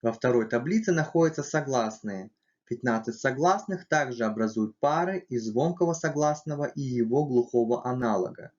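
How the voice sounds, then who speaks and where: A man's voice: medium pitch, normal speed, darkish tone, muffled recording. A man narrating a scripted language lesson, carefully spelling out letters and sounds one at a time. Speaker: language teacher.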